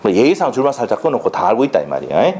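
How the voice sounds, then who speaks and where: A man with a Gyeongsang accent lectures on law in a plain, chatty classroom manner. His pitch swings widely as he throws rhetorical questions at the class and checks that they follow. His delivery is blunt and colloquial. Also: very animated, rapid-fire, a little mellow. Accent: Gyeongsang Korean.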